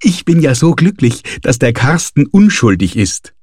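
A man voicing an excitable, eager young woman who pushes her friends along in a story reading. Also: fairly low pitch, unhurried, husky, no echo, studio quality, heavily acted. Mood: excited, pleading.

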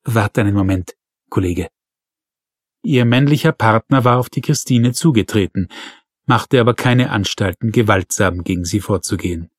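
A man reading a novel aloud as an audiobook narrator, with steady storytelling delivery. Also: mid-range voice, moderate pace, dry recording, studio quality. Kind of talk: scripted narration.

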